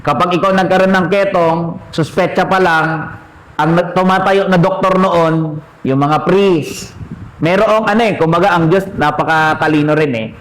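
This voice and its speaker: A man's voice: high-pitched, fairly even intonation, moderate pace, a bit bright, rough recording. A man preaching a sermon in a conversational teaching manner, often asking the listeners questions.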